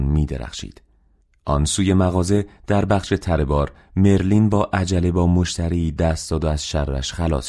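Deep-voiced man narrating a novel. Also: mellow. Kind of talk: audiobook narration.

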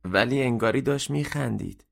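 A man's voice: medium pitch, vocal fry. A man voicing an insistent old woman customer in a narrated story. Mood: cooing. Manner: insistent, marveling.

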